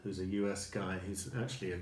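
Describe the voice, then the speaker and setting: A man reviewing his purchases in a casual video, unhurried and dotted with ums and restarts. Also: sits low, little pitch movement, a little mellow. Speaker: record collector showing purchases. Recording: echoey room with faint noise.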